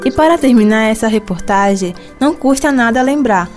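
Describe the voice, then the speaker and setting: A woman's voice: fairly high pitch, animated, brisk, a little mellow, faint music behind. A young female junior reporter reading a scripted report for children.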